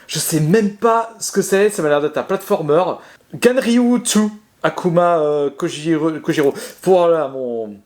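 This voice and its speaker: With a high-pitched, slightly mellow voice, lively intonation and a measured pace, a man shows his video game collection to his viewers in a casual talk to camera. He's chatty and hesitant, with plenty of fillers, restarts and laughs at his own expense.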